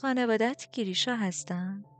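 A woman voicing a condescending queen who speaks slowly and mockingly, in an audiobook over faint music. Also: fairly high pitch, close to an everyday voice. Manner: slow, drawn-out, mocking. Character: haughty, condescending queen, middle-aged woman.

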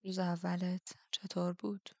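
A woman voicing a calm, commanding man who speaks quietly, in a low measured near-whisper. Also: no room sound.

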